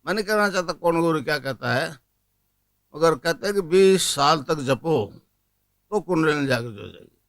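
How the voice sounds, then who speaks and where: A man in his eighties giving a folksy spiritual discourse as a guru, speaking, asking rhetorical questions and chanting a mantra slowly. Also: a little high, lively intonation, creaky, a bit bright. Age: 80s.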